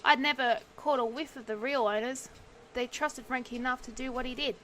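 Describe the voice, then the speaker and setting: A woman's voice: high voice, fairly even intonation, a little fast, background noise. A woman streamer reading detective game narration aloud, breaking off for sudden outbursts and swearing. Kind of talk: reading game text aloud with casual reactions.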